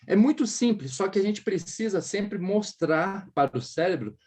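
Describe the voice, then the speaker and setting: A man's voice: high voice, lively intonation, normal speed, a little mellow, breathy edge. A man with a Brazilian Portuguese accent giving a casual one-on-one French lesson, explaining patiently, modelling sounds for his student to repeat and often checking that she follows. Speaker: French teacher.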